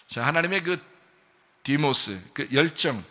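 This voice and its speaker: A man's voice: fairly high pitch, lively intonation, a little slow, pushed and bright. A man preaching a sermon as pastor, who keeps asking his congregation questions. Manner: asks the congregation many questions.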